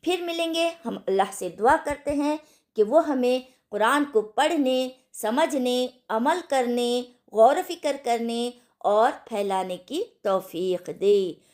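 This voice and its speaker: Woman, recitation teacher, slow drill-style delivery, a touch higher voice. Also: animated, darkish tone. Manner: slow, deliberate, repeats sounds for practice; asks the class if they understood. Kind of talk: online tajweed lesson.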